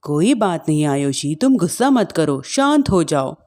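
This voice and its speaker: A woman voicing a subdued, gentle young husband with a quiet, placating manner in a family story. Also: medium pitch, animated, normal speed, voice pushed down, natural voice. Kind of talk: acted family-drama storytelling.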